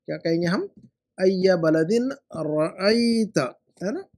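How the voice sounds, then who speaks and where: Patient high-voiced man teaching grammar. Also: expressive, darkish tone. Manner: patient, repeats words slowly, fillers like "hai na". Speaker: Arabic teacher correcting homework. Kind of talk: explanatory lesson.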